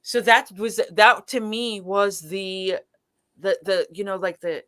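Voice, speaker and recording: A woman in a casual chat as a guest, telling a lab story with lively acted-out quotes and many restarts. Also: medium pitch, takes it slowly.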